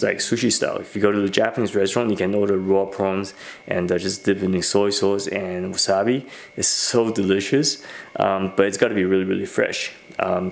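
A man's voice: lowish voice, creaky, a little hiss or hum. A man hosting a cooking vlog from his home kitchen, chatty with lots of fillers, talking with a cold into a camera held close. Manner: relaxed, chatty, many "um"s. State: has a cold. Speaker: host. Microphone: camera held close at arm's length. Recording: music playing behind voice.

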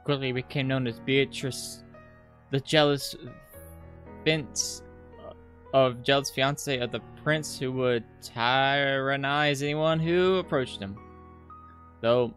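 Reading a visual novel's text aloud for a playthrough, the host speaks slowly in a mid-range, fairly bright voice, leaving long pauses. They throw in casual asides and sometimes stumble over words, while game music plays behind them.

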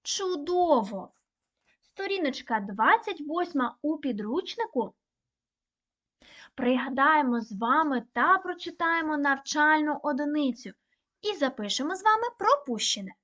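A woman teaching a recorded online primary-school lesson, dictating words slowly and clearly. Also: high-pitched, very animated, bright, forceful tone, muffled recording. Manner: slow, clear, deliberate dictation.

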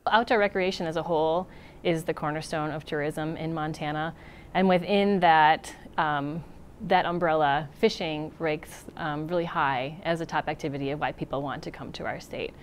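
A middle-aged woman with a notably low voice gives an interview outdoors on a lapel mic. She speaks thoughtfully with small pauses, over faint low rumble. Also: steady tone. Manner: thoughtful, pausing with fillers. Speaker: tourism official. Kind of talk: interview soundbite. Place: outdoors by a lake.

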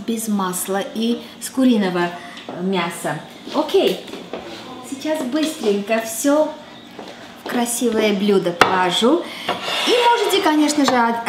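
A woman in her thirties with an Armenian accent hosts a cooking show from her home kitchen, chatting casually and thinking aloud with fillers and restarts. Her voice is a little high, and the echoey kitchen has background music and noise.

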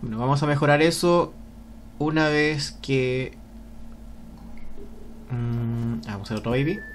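A man commenting excitedly on a video game as he plays, often whooping and cheering, and reading the on-screen game text aloud. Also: medium pitch, unhurried, a little hiss or hum. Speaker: let's play gamer.

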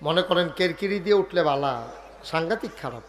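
A high-pitched man preaches a humorous sermon into a microphone. He keeps the crowd calling back to him and scolds the sound man now and then. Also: animated, brisk. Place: outdoor religious gathering.

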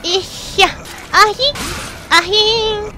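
A woman streaming a game with excitable let's-play commentary, shrieking and chatting with self-mocking asides. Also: extremely high pitch, takes it slowly, slight background noise.

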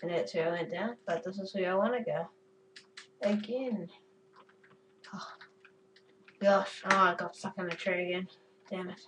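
Woman rambling thru a game, kinda low voice, silly and sweary, bit of hiss behind. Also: moderate pace, pauses often, recorded from a distance. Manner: chatty, goofy, swears, giggles at own jokes. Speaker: gamer. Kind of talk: casual gameplay commentary.

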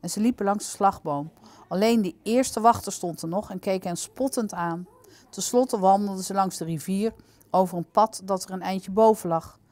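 A woman reads a children's book aloud in a calm, steady voice of middle pitch. The recording is dry and close, with no room sound. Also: dry recording. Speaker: storyteller.

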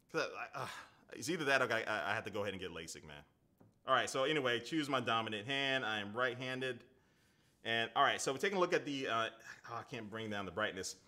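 The voice is a man's, lowish and sharp-toned. He's a thirty-something tech reviewer unboxing a phone on a casual live stream from his home studio desk, loosely chatting with viewers and reading out their comments.

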